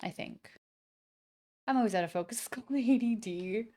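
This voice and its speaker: A woman's voice: fairly high pitch, moderate pace, warm tone. A young woman at home, casually chatting and rambling through a live gameplay stream, with slang and the odd swear. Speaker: game streamer. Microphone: desk streaming mic.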